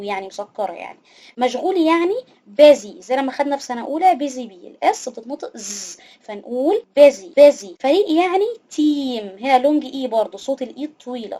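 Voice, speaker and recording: A woman with an Egyptian Arabic accent teaching English vocabulary to children, repeating each word slowly several times. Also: high voice, warm tone. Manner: repeats words slowly, drawing them out.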